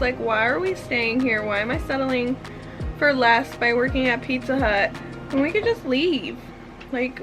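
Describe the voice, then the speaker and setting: A young American woman chatting casually to viewers inside a small trailer, upbeat and informal, thinking out loud. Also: high-pitched. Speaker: vlogger.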